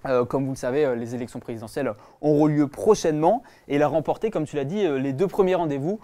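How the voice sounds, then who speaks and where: A young man co-hosting a casual news chat show, talking quickly with many hesitations and fillers. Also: on the high side, mellow. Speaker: co-host.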